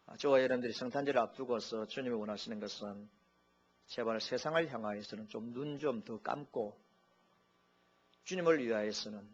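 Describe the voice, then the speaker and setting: Pastor, male, mid-pitched; playful sermon delivery that mimics dialects, dull lo-fi church recording. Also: husky. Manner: jokey, mimics regional dialects. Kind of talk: Sunday sermon. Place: church sanctuary.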